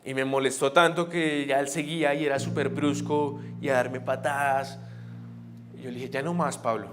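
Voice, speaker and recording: A young adult man, preaching a sermon as a pastor. He talks earnestly, moving between animated and quiet, reflective moments. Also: mid-range voice, normal speed. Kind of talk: sermon storytelling. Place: church sanctuary. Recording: echoey church hall, faint guitar.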